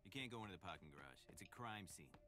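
A man's voice: sits low, lively intonation, fast. A man voicing a chatty, nervous male police officer with a Boston accent in a video game. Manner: rambling, eager to please.

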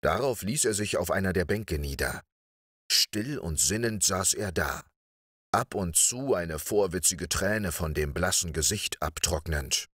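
Male audiobook narrator, deep, calm bedtime reading, very dry. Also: husky, dry recording. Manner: measured, calm.

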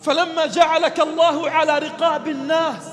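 Man, very high voice, fervent sermon storytelling, emotional shouts, long hall echo, faint music behind. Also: flat delivery, moderate pace. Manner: emotional, rising to shouts and sobbing cries. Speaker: preacher.

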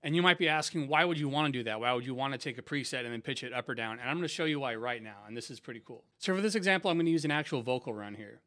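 A young man from San Diego, a music producer hosting a casual software tutorial in a laid-back, slangy, conversational way. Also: mid-range voice, racing, hardly any pauses. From San Diego, USA.

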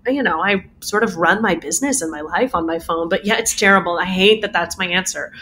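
A woman voice teacher answering interview questions in a casual, animated way, laughing often and poking fun at herself. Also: lowish voice, fairly quick, a little hiss or hum. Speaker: voice teacher guest.

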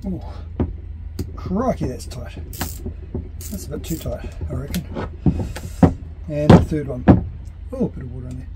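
A man in his forties with a New Zealand accent, a sailing vlogger, talks chattily and practically about boat engine work, walking through the mechanics step by step. His voice sits on the high side, animated but a little slow, with frequent pauses. He films with a handheld camera at arm's length on his sailboat, outdoors at sea and on deck at night, amid loud wind and engine noise.

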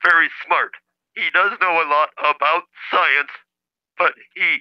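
In a comedy phone-in, a man plays an indignant caller who claims to be a famous scientist's brother, talking like a robot with a stilted, insistent, flat, synthesizer-like delivery. His voice is fairly high, smooth, and unhurried, heard over a dull, lo-fi telephone line.

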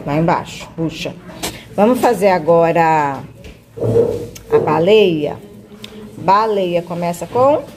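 Patient woman teacher, slightly low voice. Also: lively intonation, background noise. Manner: patient, coaxing, drawn-out syllables. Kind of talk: one-on-one literacy lesson.

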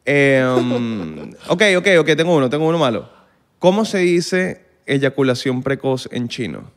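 A man's voice: mid-range voice, very animated, measured pace. A man with a Venezuelan accent, a guest comedian, joking and chatting casually on a podcast.

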